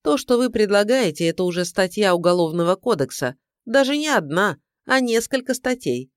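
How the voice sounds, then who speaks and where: A woman's voice: mid-range voice, expressive, normal speed, no room sound, pitched above the performer's own voice, close to an everyday voice. A woman reading the part of a tired, sardonic male private detective in a dry, grudging manner for an audiobook. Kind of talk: audiobook character voice.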